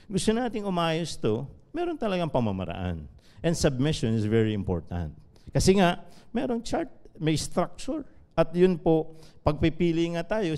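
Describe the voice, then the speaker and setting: Filipino pastor, bit higher than most men, smooth clean voice, talky sermon that keeps asking the church questions. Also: male voice, darkish tone. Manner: conversational, rhetorical questions to the congregation. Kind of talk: sermon mixing Tagalog and English. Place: church during live worship.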